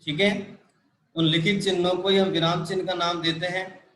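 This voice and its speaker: A man's voice: high-pitched, level tone, moderate pace, a bit bright, roomy sound. A man teaching a live online grammar class, explaining patiently and repeating key points with frequent check-ins. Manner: repetitive, patient explaining with frequent "ठीक है" and "देखो".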